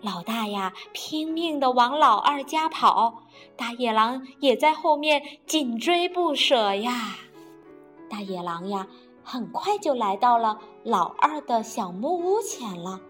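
一位女性用拖长的唱腔式语调给孩子讲童话故事。. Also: female voice, fairly high pitch, animated, fairly bright tone, soft background music. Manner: slow, sing-song, drawn-out. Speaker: storyteller. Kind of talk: children's storytelling.

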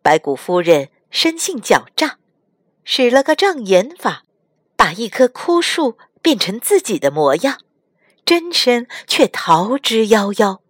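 A woman reads a children's storybook aloud, her voice swinging widely in a sing-song way. She takes her time over each line, in a fairly high voice. The sound is dry and close. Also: takes it slowly, breathy edge, dry recording. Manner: expressive, sing-song reading. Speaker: storyteller mother.

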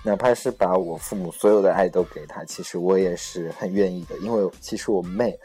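A man's voice: low-pitched, a little fast, mellow, breathy edge. A young man hosting a casual chat show, talking hesitantly with many fillers and self-corrections. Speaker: host. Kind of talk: casual chat on a podcast-style program.

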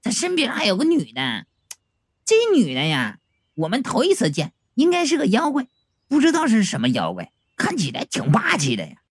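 Guy putting on a squeaky breathy ghost cop, all sighs and gossip, swoops up and down. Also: huge pitch swings, moderate pace, no room sound, studio quality, full character voice. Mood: gossipy. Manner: gossipy, sighing "哎呀". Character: bumbling male ghost constable, chatty.

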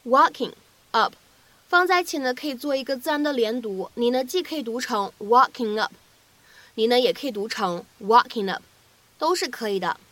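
High-voiced woman teaching pronunciation. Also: expressive, fairly bright tone, dry recording, poor audio. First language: Chinese. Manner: measured, slowly repeats English phrases for practice. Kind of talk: explanatory lesson narration.

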